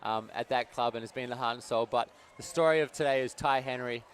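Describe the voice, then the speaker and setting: A brisk, mid-range male voice, carrying a slight hiss or hum, delivers sports commentary from an outdoor ground. Serving as both co-commentator and league representative, he speaks with earnest enthusiasm about the players.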